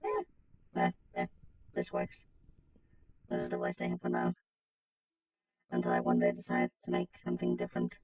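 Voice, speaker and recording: A man using a robot voice changer to play a male robot in a roleplay livestream, talking slowly and stiffly. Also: very deep voice, completely flat delivery, darkish tone, soft background music, voice pushed down. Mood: deadpan. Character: male robot, low droning synthetic voice.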